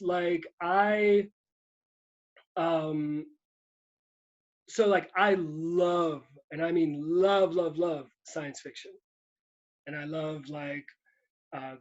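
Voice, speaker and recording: A man's voice: a little high, muffled recording. A man from Puerto Rico talking casually about books, rambling with many restarts and easy laughs. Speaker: guest writer.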